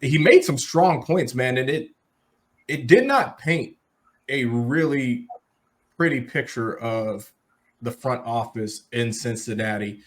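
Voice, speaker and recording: A man with a medium-pitched voice hosts a casual sports talk show. He talks conversationally and addresses the listeners directly as he lays out his commentary. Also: lively intonation, takes it slowly. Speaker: sports podcast host.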